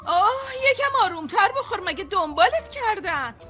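A woman's voice: very high voice, sing-song, pushed and bright, faint music behind, exaggerated voice. A woman dubbing a lonely middle-aged mother who fusses and hesitates with her grown daughter. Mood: fussing. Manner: hesitant, fussing. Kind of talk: dubbed drama acting.

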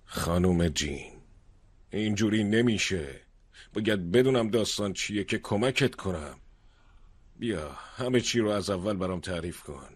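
A low, husky, kindly but firm village chief, dry sound. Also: male voice, animated, no echo. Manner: earnest, gently reproachful. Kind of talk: dubbed drama acting.

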